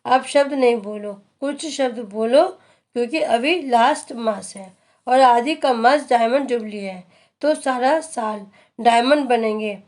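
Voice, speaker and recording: Woman, devotional reading, slow and unhurried, somewhat high voice, earnest instructive tone. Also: darkish tone. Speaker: reader of a daily spiritual discourse.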